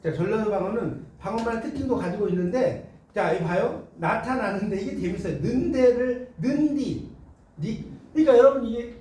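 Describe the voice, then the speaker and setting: High-voiced man lecturing a class. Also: brisk, few pauses, slight background noise. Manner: lively, chatty, asks the class questions. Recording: roomy classroom sound, mic far off.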